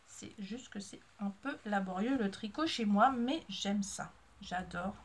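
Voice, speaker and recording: A mother who vlogs about sewing and knitting chats casually to camera in a mid-range, slightly slow voice. She rambles, pokes fun at herself, and fills her talk with fillers.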